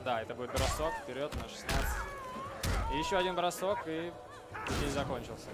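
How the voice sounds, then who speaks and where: A man's voice: mid-range voice, fairly quick, over loud music. A man giving live commentary on a fighting game match as an esports commentator.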